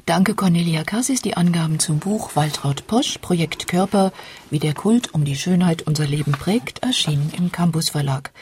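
A woman's voice: fairly low pitch, moderate pace, darkish tone, slight background noise. A woman hosting a radio book discussion, introducing guests and asking follow-up questions. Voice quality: very husky, breathy. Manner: inquisitive, asks follow-up questions. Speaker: radio host.

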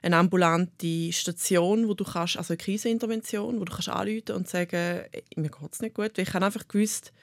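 A young woman with a Swiss German accent, speaking candidly as an interview guest with halting restarts. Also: lowish voice, fairly even intonation, no room sound, clean studio sound. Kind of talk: personal interview talk.

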